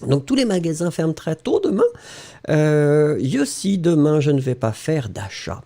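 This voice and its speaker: A man's voice: big pitch swings, a little slow, dark tone. A man teaching French in a live lesson, reading viewers' comments aloud in a playful way and laughing often. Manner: playful, laughs often, exaggerated pitch swings.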